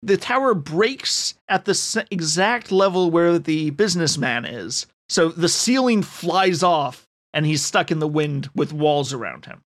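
A man's voice: a little high, animated, a little slow, hardly any pauses, fairly bright tone. A man recapping a film in casual chat, sardonic and rambling, with frequent restarts. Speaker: podcast co-host recapping a film.

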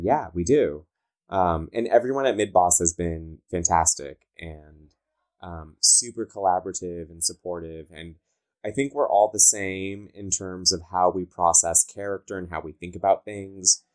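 A man's voice: sits low, moderate pace, a little mellow, low-quality recording. A man with a Southern Californian accent chatting casually as an interviewed writer, talking like a valley girl with "like" sprinkled through. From Southern California, United States. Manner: valley girl talk, peppered with "like". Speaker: interviewed comic book writer.

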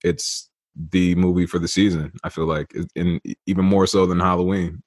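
Low-voiced man joking about a movie. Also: little pitch movement, normal speed, darkish tone, dry recording, clean studio sound. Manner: joking, wry asides. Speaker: podcast co-host. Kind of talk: casual movie-review chat.

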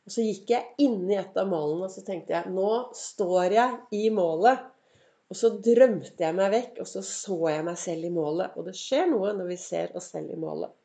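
Mellow-voiced woman hosting a motivational podcast. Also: lowish voice, vocal fry, few pauses. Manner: earnest, encouraging, talks straight to the listener. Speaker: podcast host. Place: living room at home.

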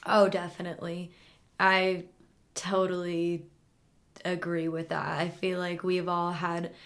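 Slow easygoing woman cohost, lowish voice, laughs a lot, thoughtful. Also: level tone. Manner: slow, reflective, laughs easily. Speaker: podcast co-host. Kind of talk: casual chat.

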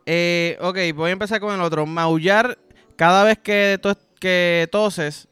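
A man's voice: high-pitched, steady tone, takes it slowly, a bit bright, clear, resonant tone, soft background music. A young Puerto Rican man hosting a podcast, rambling through vulgar comic stories with sound effects and frequent swearing. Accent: Puerto Rican Spanish. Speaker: podcast host. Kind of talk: crude comedic monologue.

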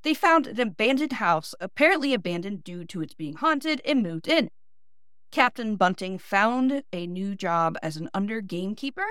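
A woman's voice: medium pitch, animated, normal speed, fairly bright tone, dry recording, studio quality. A woman podcast host with a Northeast Ohio accent, reading scripted history narration with small self-deprecating asides. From Midwestern United States.

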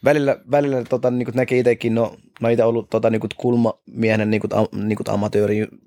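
A man's voice: medium pitch, little pitch movement, mellow, no echo. A man co-hosting a casual podcast, a cornerman, rambling with lots of filler words and casual swearing.

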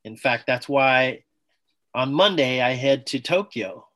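Slow, bright and forceful in a mid-range voice, the enthusiastic podcast guest, a former Olympic athlete, tells his story interview-style, speaking in bursts and acting out the dialogue he quotes.

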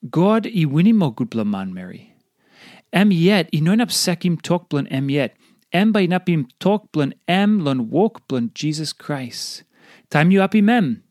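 A man with a Papua New Guinean accent delivers a scripted devotional talk, preaching in measured phrases with repetition for emphasis. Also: fairly high pitch, darkish tone, no echo, studio quality. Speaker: devotional reader.

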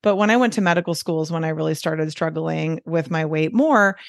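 On a casual podcast, a Midwestern woman in her forties from the United States chats as a guest; she's a weight loss coach. Her fairly low voice has some vocal fry and a brisk pace, and she sprinkles in fillers and light laughs. The recording is very dry and close-miked, with no echo.

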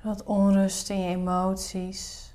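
A woman leading a guided meditation in a soft, breathy, soothing half-whisper. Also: medium pitch, completely flat delivery, a little slow.

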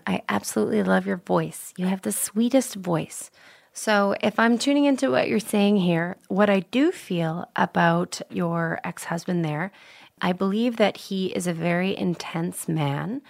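A woman's voice: mid-range voice, measured pace, vocal fry, no echo, studio quality. A woman hosting a podcast as a medium, talking casually and upbeat while sick. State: sick, congested.

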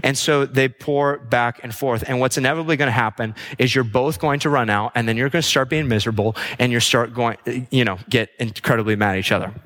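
A man's voice: fairly even intonation, fairly quick, hardly any pauses, fairly bright tone. A man preaching a sermon, emphatic and repetitive, asking rhetorical questions and letting his voice sink and fall away at the ends of lists. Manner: drops pitch and trails off at the ends of lists. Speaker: pastor.

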